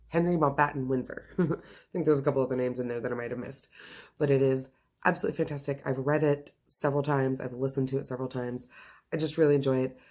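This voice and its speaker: Gushing and emphatic, this book reviewer talks up her recommendations on a relaxed vlog she hosts. She has a very deep, slightly mellow voice.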